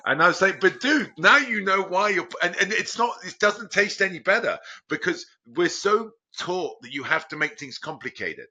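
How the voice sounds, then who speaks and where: A man from Crete, a biotech founder guest, talking casually and rambling with many restarts and animated jumps in pitch. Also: moderate pace, few pauses, husky, muffled recording. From Greece, Crete. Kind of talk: casual conversational explaining.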